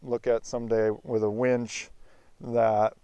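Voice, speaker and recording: Slow, even-toned man giving a tour. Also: medium pitch, smooth, no room sound. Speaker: sawmill owner giving a tour. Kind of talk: casual walk-through tour narration. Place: outdoors around a sawmill yard, later inside a large former riding arena.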